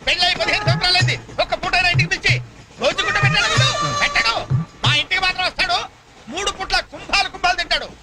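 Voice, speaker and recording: A shrill, ranting, fussy husband. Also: male voice, racing. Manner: shrill, frantic, scolding nonstop. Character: fussy, boastful husband ranting at his wife. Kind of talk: film comedy acting. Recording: film scene under loud music.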